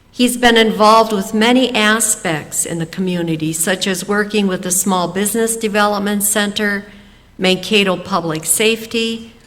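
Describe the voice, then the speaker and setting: A woman leading a service, reading a measured, scripted introduction of the speaker. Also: medium pitch, fairly bright tone, in a large hall. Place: fellowship hall.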